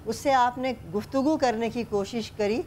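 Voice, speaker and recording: A woman's voice: a little high, darkish tone, slight background noise. A woman on a talk show panel, telling casual anecdotes and chuckling now and then. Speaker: studio guest panelist. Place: TV studio.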